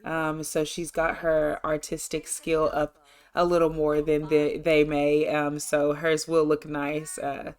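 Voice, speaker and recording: Chatty lady rambling thru her life-sim game, pretty low voice, upbeat. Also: completely flat delivery, takes it slowly, smooth. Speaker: gameplay narrator. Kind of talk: casual let's-play narration.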